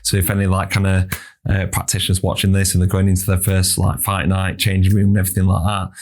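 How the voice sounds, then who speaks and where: Deep, flat-toned podcast host. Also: male voice, fast. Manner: reflective, advice-giving, repeats words as he thinks. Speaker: podcast host, sports scientist and S&C coach. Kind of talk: casual podcast chat. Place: podcast studio.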